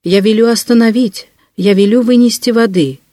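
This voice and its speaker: A narrator voicing an agitated, gentle man who pleads earnestly as he soothes a girl in an audiobook. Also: mid-range voice, normal speed, dry recording, clean studio sound, pitched above the performer's own voice, lightly acted. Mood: pleading.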